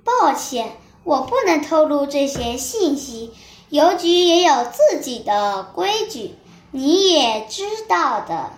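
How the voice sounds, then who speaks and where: A child voicing a gruff old grey dog who works at a post office and grumbles slowly. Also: sits high, sing-song, roomy sound, exaggerated voice. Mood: grumbling.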